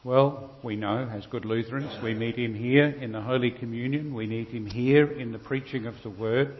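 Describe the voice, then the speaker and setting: A man with an Australian accent preaching a sermon with storytelling, unhurried, pausing between short phrases. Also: mid-range voice, fairly even intonation. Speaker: Lutheran preacher. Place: large reverberant church. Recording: long cathedral-like reverb, slightly dull sound.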